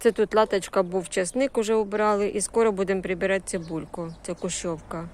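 In a mid-range, slightly mellow voice, a woman speaks a little fast with a steady tone while showing off her vegetable garden and greenhouse. The tour is casual and unscripted, told in short, homely phrases full of diminutives. She has a Ukrainian accent mixed with Russian-influenced surzhyk words.

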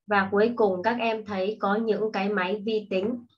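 A woman teaching a primary school English lesson online, explaining patiently and slowly to children. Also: mid-range voice, flat delivery. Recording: dull lo-fi recording.

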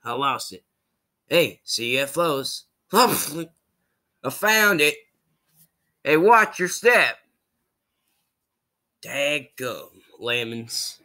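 A man's voice: fairly high pitch, big pitch swings, extremely slow, long pauses, sharp tone, heavily acted. A man voicing a goofy, friendly cartoon tow truck with a twangy Southern US drawl.

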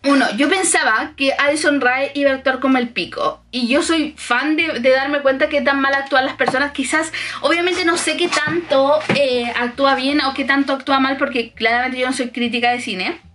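High-voiced Chilean woman chatting slangily. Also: steady tone, normal speed, a bit bright, slight background noise. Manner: slangy, chatty, laughs often, acts out lines. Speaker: vlogger. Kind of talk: casual film review chat.

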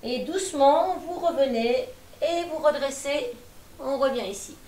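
A middle-aged woman with a high voice gives calm, encouraging, folksy cues for a gentle seated workout. She sits well back from the camera, and her voice rings through an echoey room. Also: a little slow, recorded from a distance. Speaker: gentle gym instructor. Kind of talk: guiding a seated exercise class. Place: attic room at home, indoors. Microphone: far camera.

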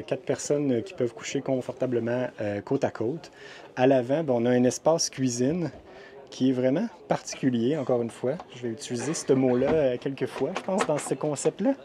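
The same kind of chatty, descriptive walkthrough of campers at an indoor trade show comes from this RV vlogger, who hesitates often. He has a Québécois French accent and a dark-toned voice of medium pitch.

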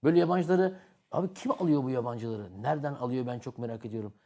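Blunt, fast-talking male football pundit. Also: medium pitch, dark tone. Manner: blunt, emphatic and argumentative. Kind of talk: heated studio debate.

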